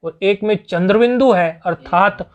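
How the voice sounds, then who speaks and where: A man's voice: sits high, unhurried, dull audio. A man teaching Sanskrit grammar in a patient lesson, repeating each point and checking that students follow.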